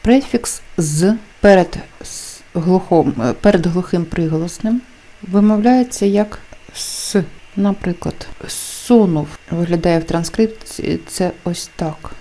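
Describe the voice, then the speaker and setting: A woman teacher explaining pronunciation rules in a deliberate lesson, carefully enunciating example words. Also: lowish voice, warm tone. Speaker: language teacher.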